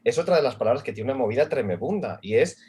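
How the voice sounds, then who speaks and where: A man's voice: medium pitch, animated, fast talker, warm tone, slight background noise. A man explaining his point in a casual panel discussion, in a colloquial way. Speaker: panel guest.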